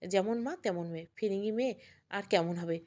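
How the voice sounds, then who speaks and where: A woman voicing a proud, scolding older mother-in-law who grumbles and is flustered but soft underneath. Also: mid-range voice, a little fast, lightly acted. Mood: grumbling.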